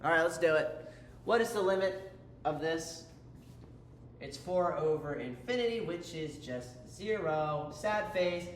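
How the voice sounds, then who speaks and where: A man's voice: fairly high pitch, expressive, a little slow. A man teaching a calculus lesson in a casual, chatty way, breaking off mid-sentence and tossing in playful asides. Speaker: math tutor. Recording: roomy echo, faint ambient noise.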